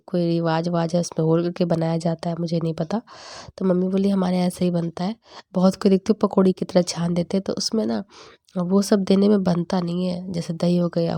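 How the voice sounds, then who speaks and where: A woman's voice: on the low side, vocal fry, mellow, no echo, studio quality. A young woman casually narrating a home cooking vlog, chatty and laughing often. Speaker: vlogger.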